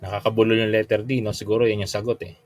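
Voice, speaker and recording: A young adult Filipino man teaches an online review lecture for a licensure exam, speaking in a low, level, somewhat mellow voice at a racing pace with no echo. He reads quiz items aloud and then quizzes listeners with frequent tag questions, politely mixing English and Tagalog.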